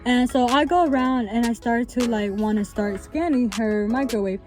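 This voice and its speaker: A woman's voice: fairly high pitch, normal speed. Chatty young woman telling a story. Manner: chatty, lots of "like" fillers. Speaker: vlogger. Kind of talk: casual storytime. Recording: music playing behind.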